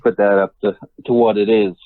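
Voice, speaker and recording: A man on a phone line as a podcast guest, speaking in a laid-back, halting way with restarts and small chuckles. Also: lowish voice, flat delivery. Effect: heard over a phone line. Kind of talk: casual chat. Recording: tinny phone line, dry.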